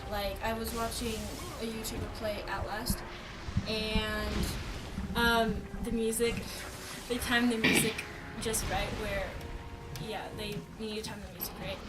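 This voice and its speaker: A woman guest in a casual podcast chat, excitable and jumpy. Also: fairly high pitch, unhurried. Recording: music playing behind.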